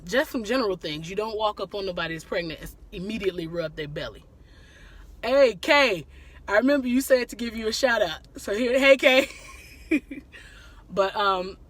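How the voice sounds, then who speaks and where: A woman hosting a live stream, chatting casually with viewers, greeting them by name and laughing often, with a lilt. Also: medium pitch.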